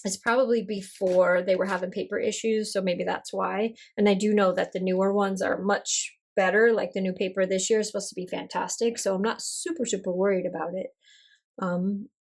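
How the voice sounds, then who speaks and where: A stationery vlogger chats casually at her desk while swatching inks, relaxed and poking fun at herself. Her mid-range voice is a little hoarse from a cold, and she talks a little fast.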